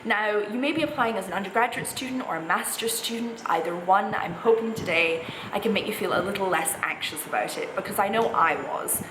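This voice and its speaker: Medium-pitched and brisk, she barely pauses. The speaker is a vlogger in her twenties, a postgraduate singing student at a music college, offering chatty, informal advice to camera in a reassuring, encouraging tone, recorded in an echoey room with clear background noise.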